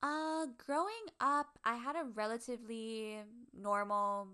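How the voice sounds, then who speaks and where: An American woman in her twenties from Hawaii, a podcast co-host telling personal stories casually in a halting, informal and self-effacing way. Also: a little high, pushed and bright, clean tone. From Hawaii, United States. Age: 20s.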